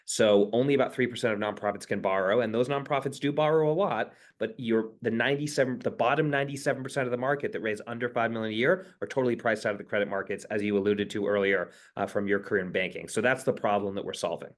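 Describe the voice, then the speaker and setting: A man with a fairly low voice talks quickly and emphatically as an interview guest. He pads his answers with filler sounds while laying out facts and figures. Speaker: company founder, interview guest.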